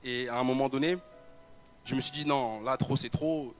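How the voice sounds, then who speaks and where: A man's voice: medium pitch, fairly even intonation, normal speed, faint music behind. A young man giving a personal testimony, telling his story with many repetitions and fillers. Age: young adult. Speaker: church member giving a testimony. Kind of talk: personal testimony told to an audience.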